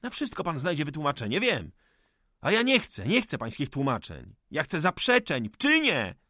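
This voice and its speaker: A man's voice: a little high, wildly swooping pitch, moderate pace, bright, forceful tone, no room sound, voice pushed up, exaggerated voice. A fiery, indignant young man, as a male reader puts him on in an audiobook, hurling accusations in a raised, strained voice. His delivery swings and climbs with passion, and the recording is dry and close. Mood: impassioned. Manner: impassioned, accusing outbursts.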